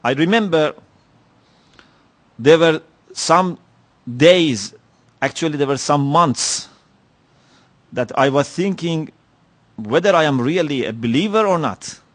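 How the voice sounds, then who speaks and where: This religious lecture in a lecture hall comes from a man with a slightly high voice and lively intonation. He is a native Persian speaker who talks reflectively and deliberately, often pausing and leaning on "you know."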